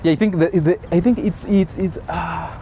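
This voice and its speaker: A man's voice: high voice, fairly even intonation, normal speed, dark tone. A man hosting a casual walking tour vlog, speaking hesitantly and often repeating himself. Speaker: vlog host. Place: outdoors at a city bus terminal. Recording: outdoor city traffic noise. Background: faint traffic and street ambience.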